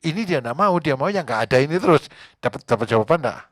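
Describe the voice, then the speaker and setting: Animated man preaching a sermon. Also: on the high side, quick pace, no echo, clean studio sound. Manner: conversational, animated, acts out quotes, asks the congregation questions. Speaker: pastor.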